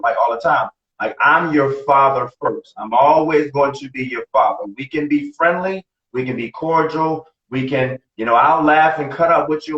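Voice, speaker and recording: A man in his late forties talks bluntly on a podcast, cursing freely and circling back over the same points. He sounds distant from the microphone. The room is echoey and the sound is dull and lo-fi. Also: mid-range voice. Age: 40s. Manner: blunt, profane, repeats himself. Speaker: podcast co-host. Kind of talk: casual podcast chat.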